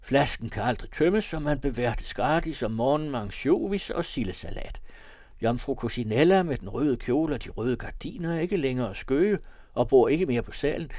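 A man's voice: mid-range voice, a little mellow, no echo, clean studio sound, close to an everyday voice. A man reading the lines of a dying young man in a classic novel audiobook, wry and ironic as he rambles on.

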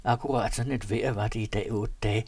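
A man reading an old diary aloud in an earnest, measured literary manner. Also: on the low side, fairly even intonation, a little mellow, breathy edge, no echo. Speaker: narrator.

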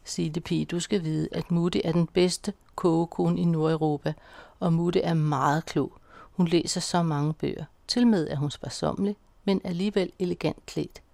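Bedridden old man, crude and bellowing, read by a woman, gravelly. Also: on the low side, steady tone, dark tone, dry recording. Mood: affectionate. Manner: coarse, bellowing insults.

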